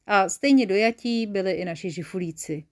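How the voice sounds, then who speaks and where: Female children's storyteller, lively and playful, middling pitch.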